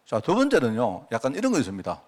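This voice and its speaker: This middle-aged man preaches in a church sanctuary with a fast, slightly mellow, mid-range voice whose pitch swoops wildly. Chatty and fond of rhetorical questions, he performs the prayers he quotes.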